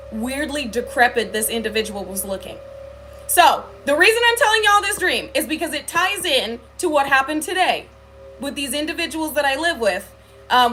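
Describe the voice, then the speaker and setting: A woman's voice: high voice, pushed and bright, slight background noise. A woman talking to her viewers on a livestream, telling a spiritual story in an earnest way with many filler likes and ums. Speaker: spiritual reader. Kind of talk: livestream talk.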